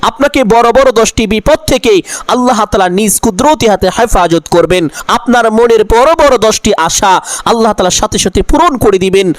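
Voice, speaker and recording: Man, religious teacher, scripted instruction, slow drawn-out chanting, measured earnest tone. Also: sits high, no echo. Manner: chants prayer phrases slowly and drawn-out; measured, earnest preaching delivery.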